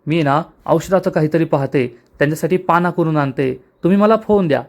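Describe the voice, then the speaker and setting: A man's voice: fairly high pitch, a little fast, natural voice. A man reading an urgent young village woman.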